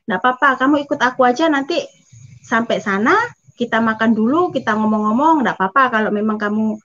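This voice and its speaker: A woman voicing a kindly widowed male truck driver who speaks in a gentle, reassuring way. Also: on the high side, a little fast. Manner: coaxing, reassuring. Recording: dull lo-fi recording.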